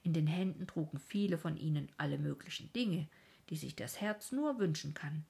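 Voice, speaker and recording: A woman reads a fairy tale aloud in a soft, calm, breathy manner. Her voice sits fairly low and gently husky. The delivery is an unhurried storybook narration.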